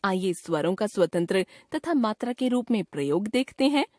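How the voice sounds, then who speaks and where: A woman teacher reading a grammar lesson aloud in a measured, dictating way, listing examples one at a time. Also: medium pitch, very animated, a little mellow, dry recording, studio quality.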